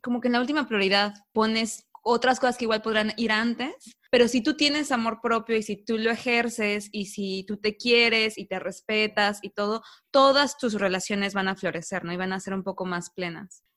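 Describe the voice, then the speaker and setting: A woman's voice: fairly high pitch, fairly even intonation, moderate pace, few pauses, fairly bright tone. Reflective woman co-hosting. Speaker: podcast co-host. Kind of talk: casual chat.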